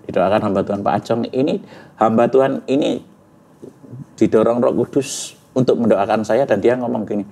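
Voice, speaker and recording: A man's voice: on the low side, normal speed, gravelly, warm tone. A middle-aged man earnestly tells his personal testimony in an interview, slipping in words. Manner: earnest storytelling, sprinkled with Javanese words. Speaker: guest giving a testimony.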